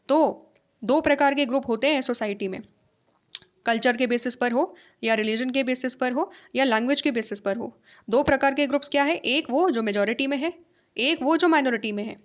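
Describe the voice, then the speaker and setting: High-voiced woman teacher explaining steadily. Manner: explains by asking and answering her own questions, repeats key points; mixes in English phrases, checks understanding with tag questions. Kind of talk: classroom lecture.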